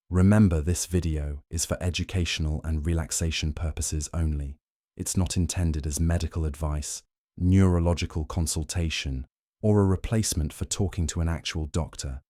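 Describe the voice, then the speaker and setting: A man reading scripted bedtime relaxation narration in a gentle, soothing, unhurried manner. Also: low-pitched, no room sound, clean studio sound. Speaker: narrator of a sleep science channel.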